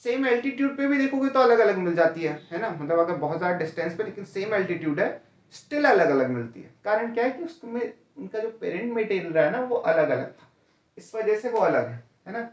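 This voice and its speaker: Very animated and brisk, a male teacher with a high voice delivers an exam-prep lecture step by step, addressing students as "भैया" and often asking "है ना?" or "ठीक है?" The recording is lo-fi, dull, distant and roomy.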